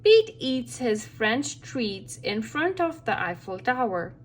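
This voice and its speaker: Reading a picture book to young children, a storyteller with a fairly high-pitched voice gives her lines expressive, deliberate phrasing.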